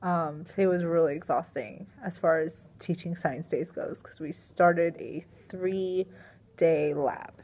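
Slow-paced and darkish, with a lowish pitch, this young woman's voice is tired and a little strained. A middle school science teacher, she's recording a casual video diary on a laptop webcam at her desk in a small classroom, sleepily rambling with sighs and frequent fillers.

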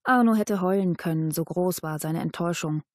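A woman narrating an audiobook in an even, measured reading. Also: on the low side, dry recording, studio quality. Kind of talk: scripted narration.

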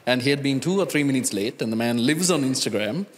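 A man, speaking as a panelist at a conference, earnest and deliberate, pausing and restarting as he thinks, into a handheld mic on a large hall stage. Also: medium pitch, expressive. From Sri Lanka. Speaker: conference panelist, data scientist. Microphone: handheld microphone. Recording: reverberant conference hall sound.

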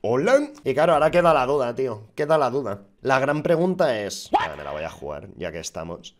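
Brief: Spain Spanish male gaming vlogger, very lively pitch, rowdy and excitable, faint music underneath. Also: fairly quick. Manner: excitable, swears a lot, shouts at big wins. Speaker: gaming YouTuber. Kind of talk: casual commentary while opening online skin cases.

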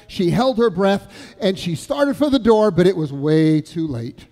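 A man's voice: sits high, warm tone. A male pastor preaching a sermon in a church, telling a story earnestly and asking the congregation questions. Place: church sanctuary. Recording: long church reverb.

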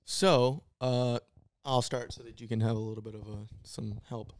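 A man's voice: mid-range voice, fairly even intonation, normal speed, dry recording. A man in his twenties co-hosting a casual podcast chat with his wife, easygoing and teasing. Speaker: podcast co-host.

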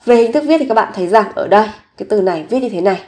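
Woman teacher, recorded vocabulary lesson, slow and patient, repeats each word, even mid-pitched voice. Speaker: Korean language teacher.

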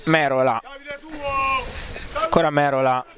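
A man giving excitable futsal highlights commentary as a sports commentator, building into drawn-out cries on goals. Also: crowd noise.

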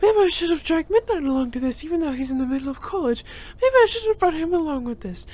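A woman voicing a gentle, emotional young male reborn spirit in an audio role-play, breathless and given to nervous sighs and laughs. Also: high voice, expressive, quick pace. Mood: breathless, grateful.

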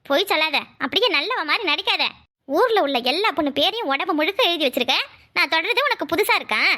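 A bossy young village wife fires off orders in a very high, fast voice, as a woman acts her out. Her tone is bright and sharp. She retorts quickly in a cartoon scene. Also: lively intonation, exaggerated voice. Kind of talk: cartoon voice acting.

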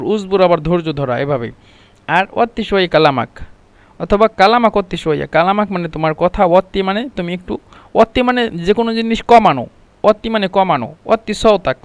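High-voiced man teaching phrases patiently. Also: smooth, no echo. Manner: explains patiently, repeating each phrase several times. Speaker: Arabic language teacher. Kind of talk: spoken language lesson.

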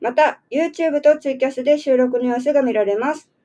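A woman's voice: high voice, brisk, warm tone, muffled recording. A woman hosting a community radio show in casual chat, a little nasal from a cold, laughing and teasing. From Okinawa, Japan. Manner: chatty, laughs often, teasing questions. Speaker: radio host.

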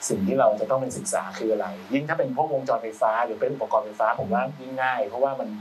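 A man's voice: mid-range voice, fairly even intonation, very fast. A man who works as a film sound designer, talking casually as a guest in loose, chatty speech full of restarts and slang. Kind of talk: casual talk-show conversation. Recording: voice a bit far from the mic, faint background noise.

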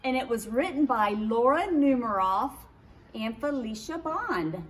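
A middle-aged woman reads to preschoolers in the manner of a kids show host. Her voice sits fairly high and moves slowly, with big swings in pitch and stressed key words. She is recorded from a few feet away in a classroom with some faint noise. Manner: expressive, addresses children with questions, exaggerated emphasis. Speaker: preschool teacher reading to children. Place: small classroom with painted block walls. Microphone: camera a few feet away.

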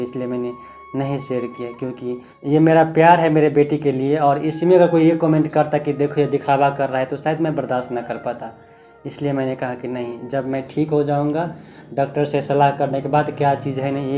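A man's voice: medium pitch, warm tone. A young man vlogging heartfelt about his family, speaking plainly as a father. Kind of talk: emotional family vlog talk.

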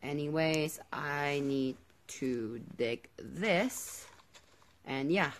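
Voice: mid-range voice, extremely slow, slight background noise. A gaming video host giving casual commentary while playing, often repeating words and phrases.

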